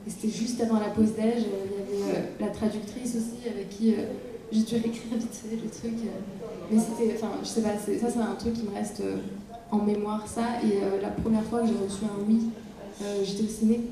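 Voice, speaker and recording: A woman's voice: mid-range voice, flat delivery, fairly quick, a crowd in the background. Woman speaking from far in an echoey hall. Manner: hesitant, many fillers. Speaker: actress guest. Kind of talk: festival panel talk. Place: large hall.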